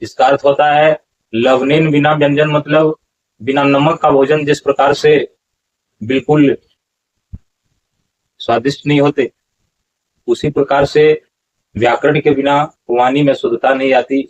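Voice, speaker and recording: A man giving a lesson on correct verse pronunciation, slowly drawing out example words and correcting common mistakes in a repetitive teaching manner. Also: medium pitch, fairly even intonation, darkish tone, lo-fi sound. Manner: slow deliberate syllable-by-syllable chanting of examples. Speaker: Gita recitation teacher.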